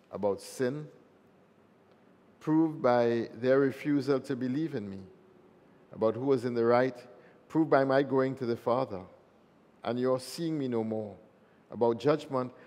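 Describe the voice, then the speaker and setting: A man's voice: mid-range voice, a little mellow. Priest guy with long cathedral echo, chatty homily, some ums and restarts. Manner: plain, conversational, with fillers and restarts. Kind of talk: gospel reading and homily. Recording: long echo of a large church.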